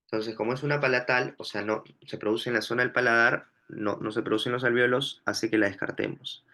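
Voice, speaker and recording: A man's voice: mid-range voice, fairly even intonation, a little fast, sharp tone. Man explaining grammar exercises step by step. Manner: explanatory, thinks aloud while solving. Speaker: language teacher. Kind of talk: explaining exam questions on phonology.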